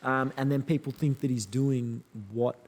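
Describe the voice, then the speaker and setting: A man's voice: medium pitch, little pitch movement, moderate pace, a little mellow. A man hosting a podcast in casual, slangy chat, swearing freely. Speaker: podcast host. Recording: echoey room with long reverb.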